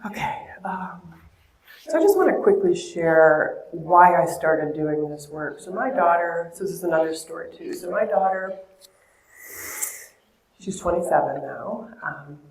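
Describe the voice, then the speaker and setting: At a talk before an audience, a woman in her fifties shares personal stories in an earnest, conversational and emotional way. Her voice is lowish, expressive and unhurried, and the room around her echoes.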